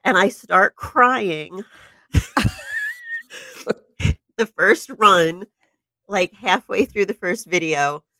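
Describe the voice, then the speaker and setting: A woman in her forties co-hosting a podcast, telling stories in an animated, casual way and laughing often. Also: medium pitch, very slow, long pauses, no room sound. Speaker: podcast co-host. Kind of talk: casual chat. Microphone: podcast microphone.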